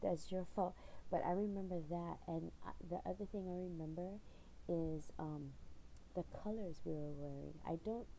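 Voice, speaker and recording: Middle-aged woman, rambling vlog storyteller, deep and mellow, faint hiss under her. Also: normal speed, gravelly, low-quality recording. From Hawaii. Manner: rambling storyteller with frequent fillers and laughs. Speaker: channel owner. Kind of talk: casual personal vlog.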